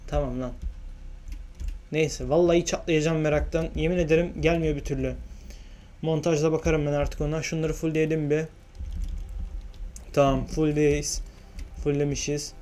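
Young man, gameplay commentary, fairly high voice, grumbling, exasperated, desk mic, keyboard clicks. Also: level tone, moderate pace, pauses often, dark tone. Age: young adult. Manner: grumbling, exasperated, swears he's bursting with curiosity. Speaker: gaming channel host. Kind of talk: let's-play commentary.

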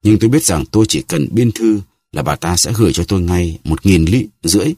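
A man's voice: deep voice, brisk, dark tone, husky, dry recording, clean studio sound. A man voicing a vain, boastful musketeer who talks haughtily and acts offended. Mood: haughty.

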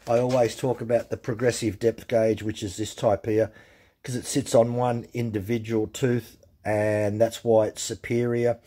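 A man's voice: medium pitch, mellow, a little hiss or hum. A man teaching chainsaw sharpening in his workshop, explaining step by step in a plain-spoken way and repeating the key points. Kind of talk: casual how-to demonstration. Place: workshop with grinders and tool wall.

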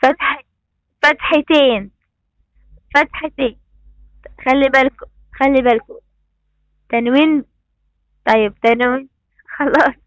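A woman's voice: high-pitched, fairly even intonation, measured pace, long pauses, dry recording, highs cut off. A woman with an Egyptian Arabic accent teaching an online class to young pupils. She encourages them, repeating praise and instructions. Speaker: primary school teacher. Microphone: computer mic on a video call.

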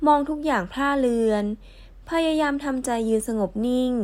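A woman narrating a romance novel audiobook in smooth, even storytelling. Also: high voice, moderate pace.

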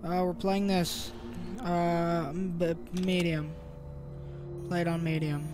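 A chatty, excitable woman talks her way through a horror game as she plays it. Her voice sits somewhat low for a woman, and her commentary rambles. Faint game music plays behind her. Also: takes it slowly. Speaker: gaming video host. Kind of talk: let's play commentary.

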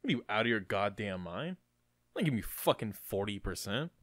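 A man's voice: lowish voice, big pitch swings, a little fast, fairly bright tone, dry recording. A man in his twenties hosting a casual podcast chat, jokey and playful, laughing often. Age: 20s. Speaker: podcast host.

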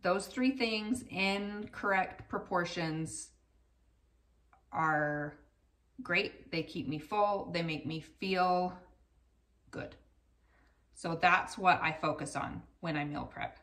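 A woman's voice: fairly low pitch, slow, pauses often, a bit bright, far from the mic. A woman in her thirties chatting candidly to camera in her home kitchen, in a conversational, self-deprecating way. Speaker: vlogger, mother. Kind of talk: casual chat to camera. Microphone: camera a little way off.

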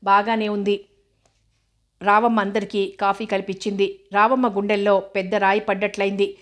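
A woman narrating a novel as an audiobook, with a steady, even reading. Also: medium pitch, brisk.

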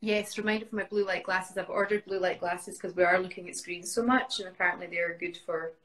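A woman in her forties from Scotland, guesting on an at-home video call, reads viewers' greetings in a casual chat picked up by her webcam indoors. With a Scottish accent, she speaks briskly in a fairly low, steady voice that is a bit bright.

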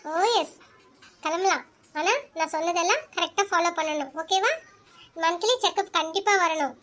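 Someone voicing a squeaky cartoon woman doctor. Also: moderate pace, sharp tone. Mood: instructive. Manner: firm, instructive, repeats rules. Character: brisk female doctor giving orders. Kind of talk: cartoon voice acting.

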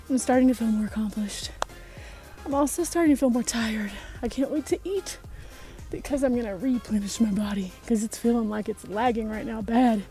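A woman's voice: fairly high pitch, normal speed, darkish tone, faint music behind. A woman in her thirties vlogging to a phone held at arm's length while climbing a steep outdoor trail, tired and out of breath. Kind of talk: hiking vlog to camera.

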